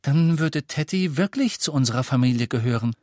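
A man's voice: medium pitch, animated, brisk, darkish tone, no room sound, clean studio sound, pitched above the performer's own voice, lightly acted. A man voicing a delighted little girl whispering dreamily.

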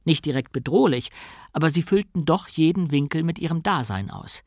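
A man reading an audiobook as narrator, in a calm, measured way. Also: a little high, no room sound, clean studio sound. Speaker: audiobook reader. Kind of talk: scripted narration.

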